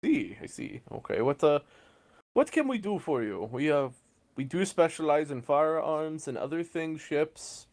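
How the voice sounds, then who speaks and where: A man's voice: a little high, animated, a little slow, a little mellow, pitched above the performer's own voice. Man playing a polite arms salesman. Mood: courteous. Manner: courteous sales patter.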